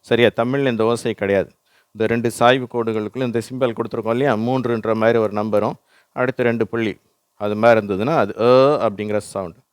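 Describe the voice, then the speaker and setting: Tamil-accented male teacher, patient and repetitive, smooth clear voice, dry close voice-over. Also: mid-range voice, steady tone, quick pace. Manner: patient, repeats words for the listener to echo. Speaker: English teacher. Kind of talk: slow instructional explanation.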